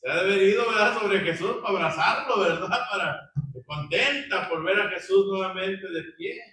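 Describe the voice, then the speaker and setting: Man, Bible study teacher, bright tense voice, higher pitch, far from mic, echoey room. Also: lively intonation, normal speed. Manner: conversational, asks the group questions, frequent tag questions. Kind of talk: Bible study teaching, reading scripture aloud.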